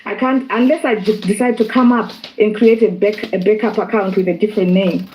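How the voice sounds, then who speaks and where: A woman's voice: medium pitch, steady tone, fairly quick, darkish tone, slight background noise, poor audio. A woman from Zimbabwe speaking as a guest in a discussion, thoughtful and hesitant, with many fillers and restarts. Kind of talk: casual discussion.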